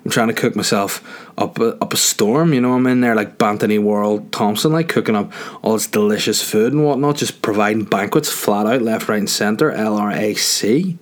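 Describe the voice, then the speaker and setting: A man's voice: on the low side, normal speed. A man hosting a casual comic solo podcast in a rambling, sweary, mock-indignant manner, recorded in a small room. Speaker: podcast host. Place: small box room in a house.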